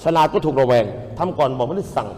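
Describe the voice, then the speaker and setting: A man's voice: mid-range voice, lively intonation, fast, a little mellow. A man, a Buddhist monk, gives a humorous sermon to a live audience, telling jokes and leading call-and-response. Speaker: Buddhist monk giving a dharma talk. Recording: long hall reverb.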